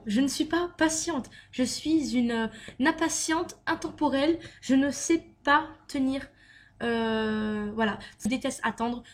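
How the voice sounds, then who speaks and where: A young woman from France chatting through a vlog question list, with many fillers and restarts. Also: sits high. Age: young adult. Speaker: beauty vlogger. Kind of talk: casual Q&A tag vlog.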